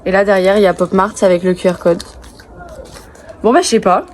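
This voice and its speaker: A young woman talks to her viewers like a bubbly, excitable friend, gushing and using casual slang. Her voice sits at an average pitch. She records outdoors, with clear traffic noise around her. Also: a little fast. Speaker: vlogger. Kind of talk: casual chat to camera. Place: outdoors near passing cars.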